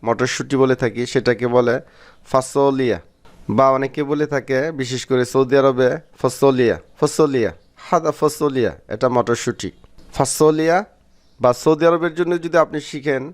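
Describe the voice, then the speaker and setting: A man from Bangladesh teaching a vocabulary lesson, repeating each word slowly and clearly. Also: medium pitch. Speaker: Arabic language teacher.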